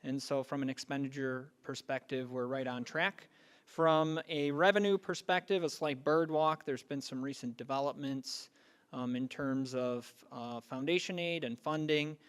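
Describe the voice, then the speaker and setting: A man giving a finance and audit committee report at a school board meeting, pausing often with ums. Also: mid-range voice, clean tone. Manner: hesitant, frequent ums.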